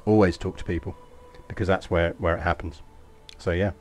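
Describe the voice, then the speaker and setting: A man with an English accent talks through a strategy game on a live stream. His voice sits fairly low, and he drifts into anecdotes and swears offhandedly. Faint music plays behind him. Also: steady tone, a little fast. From East London. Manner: rambling, anecdotal, swears casually. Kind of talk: casual live-stream commentary.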